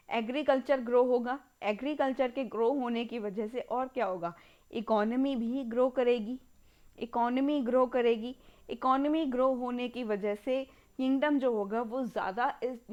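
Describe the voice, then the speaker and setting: Her voice sits on the high side with a darkish tone, and the recording loses its highs. An Indian-accented history teacher, she lectures for exam prep, mixing Hindi into English and slowly repeating key terms like dictation.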